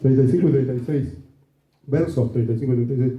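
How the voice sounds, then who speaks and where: A medium-pitched male voice talks fast: a Mexican pastor, Mexican Spanish accent, preaching in a conversational way with many asides to his listeners. He keeps asking "¿verdad?" and saying "hermanos," heard through an echoey room on dull lo-fi audio.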